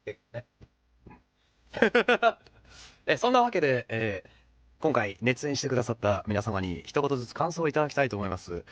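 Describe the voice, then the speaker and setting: A man's voice: medium pitch, very animated, normal speed, long pauses, a bit bright, dry recording. A man in his thirties, a voice actor casually leading the cast's comments after a recording, teasing and laughing. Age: 30s. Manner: playful teasing, lots of laughs. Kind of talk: casual post-recording chat.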